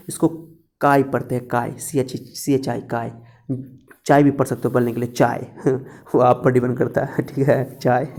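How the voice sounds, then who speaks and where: A man teaches in a relaxed classroom way, going over each point again and again. His voice is gravelly and dark, and he talks straight to his students as he works through the lesson. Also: medium pitch. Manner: repetitive, instructive, speaks directly to students. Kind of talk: casual classroom lecture.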